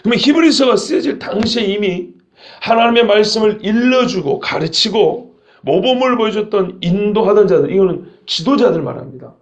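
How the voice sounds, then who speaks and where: A man's voice: high voice, animated, moderate pace. A middle-aged man preaching a sermon as pastor, earnest and emphatic, asking his listeners rhetorical questions.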